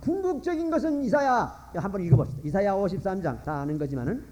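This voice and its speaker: A male pastor delivers a sermon in a high, mellow voice. His pitch leaps and falls freely as he acts out scripture scenes in dialogue. He swings from loud exclamations down to hushed whispers. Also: lively intonation, fast, rough recording. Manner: acts out biblical quotes in dialogue.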